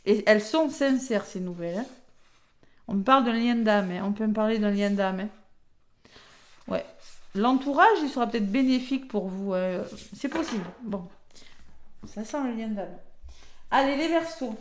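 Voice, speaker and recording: A woman's voice: fairly high pitch, moderate pace, long pauses, a little hiss or hum. A woman giving a casual weekly card reading, chatty and talking straight to her viewers. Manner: chatty, peppers talk with "hein" and "d'accord"; addresses viewers directly. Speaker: tarot card reader. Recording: echoey room.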